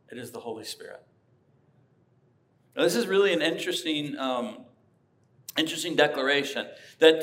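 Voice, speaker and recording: A man's voice: on the high side, fairly bright tone. A man preaching a sermon as a pastor, earnest and emphatic, rising to passionate peaks. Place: church sanctuary.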